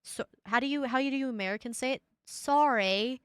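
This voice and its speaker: A woman's voice: high-pitched, fast, a bit bright, clear, resonant tone, dry recording, studio quality. A Canadian woman hosting a casual podcast chat, blunt and rambling and swearing freely. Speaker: podcast host.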